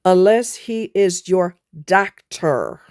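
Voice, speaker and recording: A woman's voice: lowish voice, big pitch swings, slow pace, darkish tone, dry recording, clean studio sound. A woman in an angry opinion rant, swearing indignantly and repeating phrases for emphasis.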